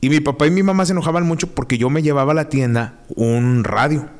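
A man's voice: fairly high pitch, fast. A young man with a northern Mexican accent casually telling childhood stories on a podcast, full of slang and acted-out quotes. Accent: northern Mexican, Monterrey. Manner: slangy, animated, acts out quotes. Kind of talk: casual storytelling.

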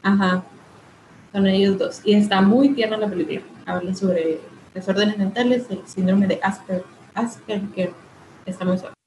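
A woman's voice: medium pitch, fairly even intonation, moderate pace, a little mellow. A woman co-hosting a casual podcast, earnestly recommending a film. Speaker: podcast co-host. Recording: echoey room with faint noise.

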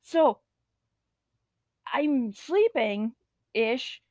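A woman's voice: sits high, big pitch swings, very slow, a little mellow, no echo, clean studio sound. A young woman co-hosting a podcast, telling an embarrassing story in casual chat and laughing until she cries. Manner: laughing through her story, tearful with laughter. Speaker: podcast co-host.

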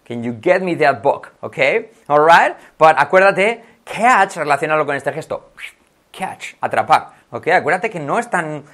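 A man teaching a language lesson online, lively and chatty, often checking in with the viewer and repeating words for practice. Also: fairly high pitch, unhurried. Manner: lively, keeps checking in with "vale" and "ok"; models words by repeating them.

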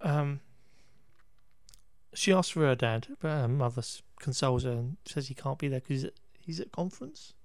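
A man hosts a podcast, recapping a film casually and ramblingly, wry and exasperated, with restarts and the odd swear word. His mid-range voice moves at a moderate pace with long pauses, and the recording is dry.

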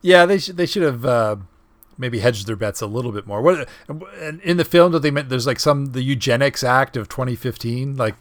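A man in the middle of his range, talking through a film review in a loose, halting way. He restarts phrases and chuckles as he goes. The sound is close and dry. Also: medium pitch, expressive, no room sound. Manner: halting, many restarts and fillers, chuckles often. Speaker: podcast co-host. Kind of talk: casual film review chat.

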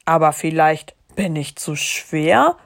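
Boastful dim giant from a storybook, loud, blustering, as a woman reads aloud, slow. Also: deep voice, expressive, gravelly, full character voice. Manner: loud, blustering, whining when in trouble. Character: big dumb boastful male giant.

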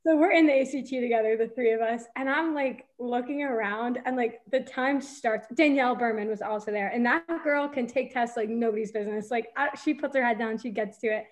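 Teen girl guest, kinda high voice, tons of "like" in casual chat. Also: fairly quick, hardly any pauses. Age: teens. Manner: breathless, filler-heavy storytelling.

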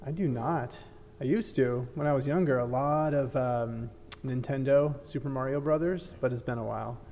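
40s guy, gravelly voice, easygoing jokey guest, echoey room. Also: medium pitch, normal speed, darkish tone. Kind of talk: casual interview chat. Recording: echoey room with faint hum.

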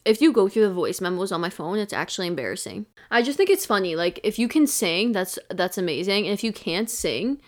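A young woman from Canada talks loosely on a podcast. She rambles through stories full of fillers and swearing. Her pitch sits in the usual middle range. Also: animated, a little fast, few pauses. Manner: swearing, filler-heavy, chatty storytelling. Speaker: podcast co-host. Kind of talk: casual chat.

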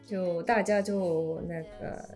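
A woman's voice: fairly low pitch, fairly even intonation, slow, darkish tone, faint music behind. A woman from Japan with a Japanese accent, a foreigner speaking Mandarin in casual chat and hesitantly searching for words. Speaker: interview guest.

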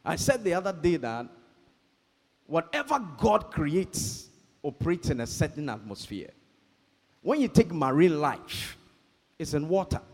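A man preaching a sermon, slow and emphatic, calling for amens and rising to shouts. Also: a little high, very animated. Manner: call-and-response, calls for amens. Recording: long hall reverb.

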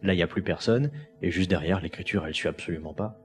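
A man's voice: low-pitched, quick pace. A man co-hosting a casual film podcast, hesitant with fillers and restarts, laughing easily. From Belgium. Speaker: podcast co-host.

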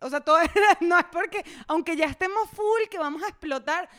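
High-pitched chatty young woman. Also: a little fast, fairly bright tone. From Venezuela. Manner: chatty, frank, laughs often. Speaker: podcast co-host. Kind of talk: casual chat.

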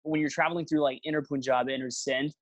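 A young man who makes travel vlogs chats casually as an interview guest, rambling through stories full of fillers and restarts. His voice is a little high with a steady tone, and he talks fast. There's no echo.

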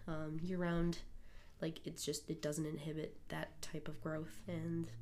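A woman's voice: low voice, level tone, a little slow, a little mellow. A young woman from Minnesota co-hosting a podcast, chatty and bubbly with lots of fillers, her nose stuffed up from a cold. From Minnesota, United States. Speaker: podcast co-host. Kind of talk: casual chat.

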